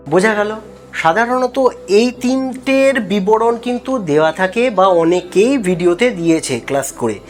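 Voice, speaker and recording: A woman from West Bengal who teaches English, speaking at a middle pitch that rises and falls a lot. She repeats key words and keeps asking whether the listener has followed. Soft music plays faintly behind her. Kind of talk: explaining a lesson.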